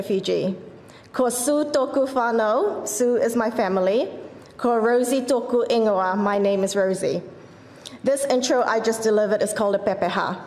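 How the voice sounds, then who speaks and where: Woman judge, earnest encouraging award speech, slightly high voice, echoey hall with long reverb. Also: darkish tone. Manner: earnest, encouraging, opens with a formal greeting in Māori. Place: large event hall.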